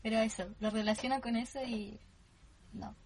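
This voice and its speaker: A woman's voice: fairly high pitch, fairly even intonation, normal speed, darkish tone. A young woman co-hosting a casual podcast, protesting emphatically and exclaiming her dislikes. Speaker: podcast co-host. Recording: noticeable background hiss.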